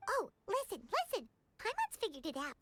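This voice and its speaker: A woman voicing a tiny, greedy, cheerful childlike companion in a video game, squeaky and exaggerated. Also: huge pitch swings, moderate pace, fairly bright tone, a little hiss or hum, exaggerated voice. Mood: smug, inquisitive. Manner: squeaky, exaggerated, speaks of herself in third person. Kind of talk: video game character voice acting. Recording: game music behind the voice.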